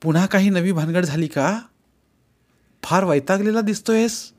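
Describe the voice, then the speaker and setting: A man's voice: high voice, normal speed, pitched above the performer's own voice, natural voice. A man reading a story aloud, voicing a concerned female colleague asking what is wrong. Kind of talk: audiobook character reading.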